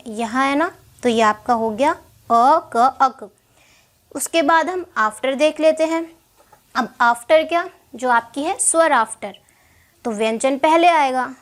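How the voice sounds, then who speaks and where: Slow, high-voiced woman teaching shorthand. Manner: slow, patient, checks in with "ठीक है" often; asks the class questions and answers them herself. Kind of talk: step-by-step whiteboard lesson.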